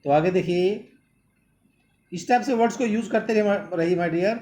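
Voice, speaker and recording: High-voiced man teaching vocabulary. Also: moderate pace, warm tone. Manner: repeats words often and calls the students "my dear". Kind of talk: exam-prep vocabulary lesson.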